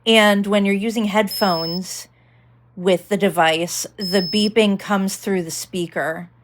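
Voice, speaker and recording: A woman's voice: medium pitch, steady tone, takes it slowly, background noise. A woman vlogger giving a casual tech demonstration, rambling with lots of fillers.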